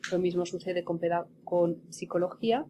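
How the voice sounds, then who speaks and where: A woman's voice: lowish voice, fairly even intonation, moderate pace, dark tone, slight background noise. A woman teacher, patiently explaining spelling rules and spelling out words syllable by syllable. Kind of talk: spelling lesson.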